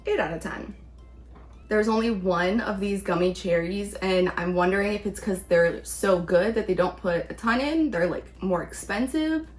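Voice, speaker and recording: A woman's voice: medium pitch, moderate pace, soft background music. A woman chatting casually as she reviews things in a taste-test vlog. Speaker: vlog host, candy reviewer.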